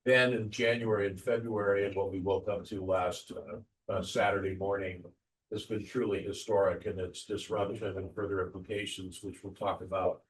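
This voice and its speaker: Low-voiced man moderating from a distance. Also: fairly even intonation, normal speed. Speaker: panel moderator, former speechwriter. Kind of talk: measured introduction with anecdotes. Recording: distant mic with faint room noise.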